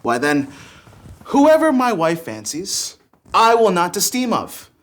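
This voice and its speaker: Arch, swooping Restoration-comedy gentleman, acted out on stage. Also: medium pitch, sing-song, slow. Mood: pompous, gloating. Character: scheming, domineering young gentleman suitor, mocking and self-satisfied.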